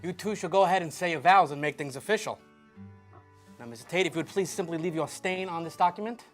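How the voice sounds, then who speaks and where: An actor playing a sly, smooth-talking salesman and swindler with folksy, wordy, persuasive patter. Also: fairly high pitch, fast, lightly acted. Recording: film soundtrack with faint music.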